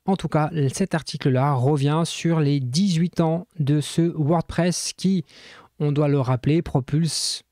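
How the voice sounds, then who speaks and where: A man's voice: a little high, a little slow, warm tone, dry recording, studio quality. Chatty man running a tech news roundup. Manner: chatty, hesitant with frequent fillers. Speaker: tech YouTuber presenting weekly news. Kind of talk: casual weekly news roundup.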